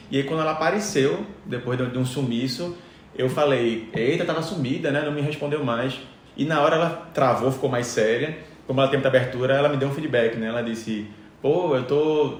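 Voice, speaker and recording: Male podcast guest, rapid emphatic explainer, average pitch, roomy echo with faint ambience. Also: slight background noise. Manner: emphatic, uses conversational fillers. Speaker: podcast guest, business speaker. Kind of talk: explanatory conversational talk.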